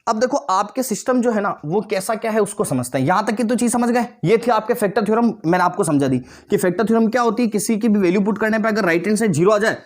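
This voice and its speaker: His voice sits high and he barely pauses, rattling along fast as he teaches maths online. The man, in his twenties, coaxes students, calls them "beta" and "bhaiya," asks repeatedly if they understood, and adds joking asides.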